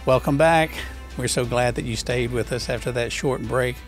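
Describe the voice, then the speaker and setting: Gravelly-voiced male TV host, halting. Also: mid-range voice, over music. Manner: halting, repeats words, many uh fillers. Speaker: TV talk show host. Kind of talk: conversational political interview.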